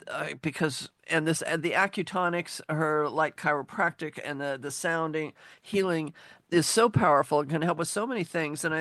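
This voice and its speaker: A woman hosting a radio talk show, chatting warmly with lots of fillers and gushing words. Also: sits low, no echo, studio quality. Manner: chatty and gushing, many fillers like gosh and golly. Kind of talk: casual radio chat. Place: radio studio. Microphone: studio microphone.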